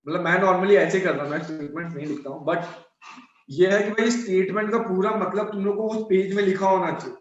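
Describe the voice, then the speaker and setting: A man's voice: high voice, fairly even intonation, a little fast. A male chemistry teacher lecturing students in a chatty, scolding way, repeating his points. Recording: echoey room, dull sound.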